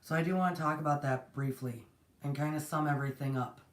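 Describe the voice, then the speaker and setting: A woman hosts a livestream for a spiritual platform, speaking fast in a low, steady voice that's strained and partly lost. She rambles warmly, greets viewers, and restarts often. The mic is distant with no proper setup, so she sounds far off in an echoey room.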